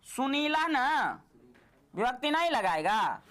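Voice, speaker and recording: A woman's voice: high voice, very animated, slow pace, a bit bright. A woman teaching a Sanskrit class, quizzing and teasing her students.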